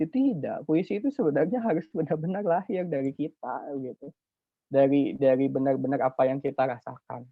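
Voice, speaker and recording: A young man with a Sundanese accent gives a chatty, animated lecture on poetry to students. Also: a little high, no echo. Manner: chatty, animated, uses fillers. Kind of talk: informal online lecture. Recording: dull dry lo-fi recording.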